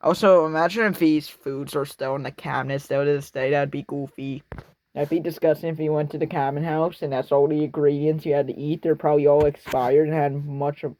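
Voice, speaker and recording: A man's voice: a little high, steady tone, fairly quick, darkish tone. A young man giving casual, sarcastic commentary on a horror movie, rambling and mocking as he watches. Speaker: reaction video host.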